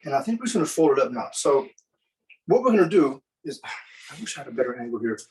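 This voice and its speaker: A man presenting a live cooking demonstration for students, in a relaxed, chatty way with many fillers. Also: medium pitch, fast, recorded from a distance, poor audio.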